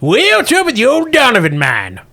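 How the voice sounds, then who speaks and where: A man's voice: extremely high pitch, wildly swooping pitch, normal speed, gravelly, pushed and bright, voice pushed up, heavily acted. A man voicing a frightened, evasive old miner in a folksy old prospector drawl for a tabletop game. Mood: nervous, evasive.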